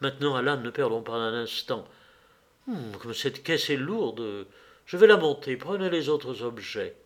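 A man's voice: mid-range voice, lively intonation, a little slow, fairly bright tone. A man reading aloud, voicing a charming, coldly commanding young man in an audiobook. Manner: pressing, then lightly casual with the servant.

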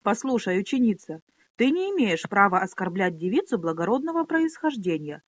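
A woman's voice: mid-range voice, big pitch swings, fairly quick, no room sound. Woman reading an arrogant young nobleman. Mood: condescending. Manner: condescending, commanding.

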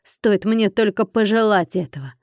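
A woman's voice: mid-range voice, normal speed, darkish tone, dry recording, studio quality, close to an everyday voice. A woman voicing a greedy, furious male dragon who growls and barks. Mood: menacing. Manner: growling, barking.

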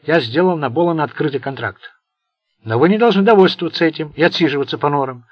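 A man's voice: a little high, fast talker, dry recording, voice pushed up, natural voice. A man voicing an old, contemptuous, domineering mafia boss in an audiobook. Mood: commanding. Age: older. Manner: contemptuous, commanding.

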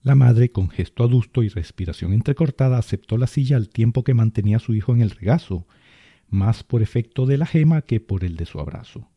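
A man giving scripted narration of a story podcast in a measured way. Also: mid-range voice, animated, breathy edge, dry recording, muffled recording.

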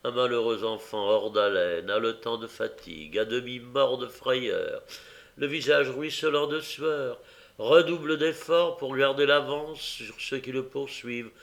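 A man reading a classic novel aloud as an audiobook, with dramatic, expressive narration. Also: medium pitch, measured pace, creaky. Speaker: audiobook reader.

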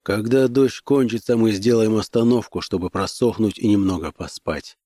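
A male audiobook reader voicing a gruff, hardened barbarian warrior who barks curt commands. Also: on the low side, moderate pace, mellow, dry recording, clean studio sound, close to an everyday voice. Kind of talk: audiobook character voice.

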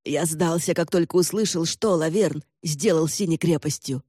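A gaunt older lord in a fantasy audiobook, voiced by a man, curt and commanding, snapping his words off short. The tone is dark and warm, and the recording is dry and close. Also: on the high side, moderate pace, breathy edge, no room sound.

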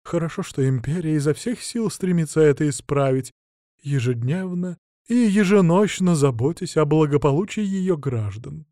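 A man's voice: on the high side, lively intonation, normal speed, mellow, dry recording, clean studio sound, pitched above the performer's own voice. A man voicing an earnest, patriotic young man who explains things with a sigh, in an audiobook. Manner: explaining, sighing.

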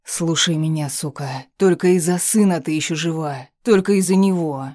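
A woman's voice: moderate pace, warm tone, dry recording, clean studio sound, natural voice. Woman voicing a stern, menacing cop father. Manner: low, menacing, curt. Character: stern, harsh middle-aged man, police officer father.

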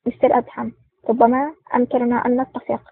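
A woman's voice: on the high side, level tone, fast, vocal fry, no echo. A woman reading a sly, wheedling male villain. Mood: pleading. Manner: wheedling, then angry shouting. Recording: dry, tinny phone-like sound.

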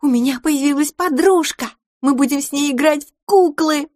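A woman voicing an excitable little girl mouse who squeals with joy. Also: sits high, moderate pace, no room sound, clean studio sound, voice pushed up, lightly acted. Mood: overjoyed.

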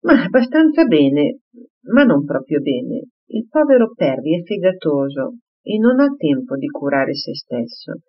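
A man's voice: on the high side, very animated, a little slow, heavily acted. A reader voicing a fretful, doting elderly father in an audiobook, fussing in a raised voice. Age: older. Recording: slightly muffled recording.

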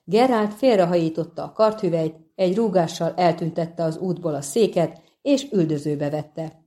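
Female audiobook narrator, low and warm, steady pace. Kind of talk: scripted narration.

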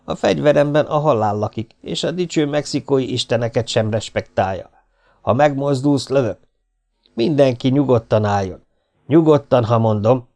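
A man's voice: mid-range voice, vocal fry, pitched above the performer's own voice, lightly acted. A man playing a cool mocking gunman. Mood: menacing. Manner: mocking, calmly threatening. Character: cool armed young male rescuer, mocking. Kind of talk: audiobook character voice.

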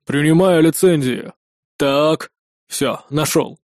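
A man voicing an old male gunsmith with a hoarse voice, who talks slowly and grumbles calmly. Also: a little high, no echo, studio quality, voice pushed down. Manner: slow, unhurried and gently reproachful.

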